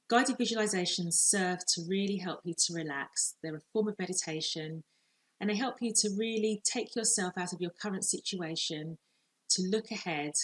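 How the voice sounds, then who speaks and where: A woman life coach leading a guided visualisation, speaking in slow, soothing, measured instructions with long pauses. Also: on the low side, slightly rough, poor audio.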